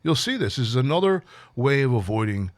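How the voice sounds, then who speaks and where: A man's voice: medium pitch, very animated, fairly quick, no echo. A man who works as a life coach, talking casually and reflectively to his audience, with frequent fillers and restarts. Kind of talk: solo talk to camera.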